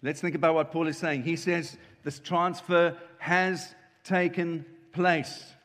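A man's voice: a little high, flat delivery, takes it slowly, a bit bright. A man, preaching earnestly in short emphatic lines that an interpreter follows. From South Africa. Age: 50s. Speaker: guest preacher. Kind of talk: sermon with live interpreter. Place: church hall. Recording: long church hall reverb.

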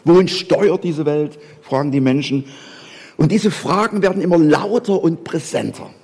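Husky man preaching in a reverberant hall. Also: a little high, normal speed, a little mellow. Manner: emphatic, repeats rhetorical questions. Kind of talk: sermon.

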